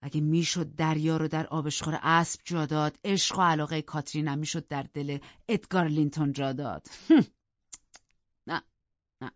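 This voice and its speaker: A man voicing a bitter, obsessive young man who talks with intense scorn and drops into low whispers in an audiobook. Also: steady tone, a bit bright, dry recording, natural voice. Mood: scornful. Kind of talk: audiobook character reading. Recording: dry, dull lo-fi recording.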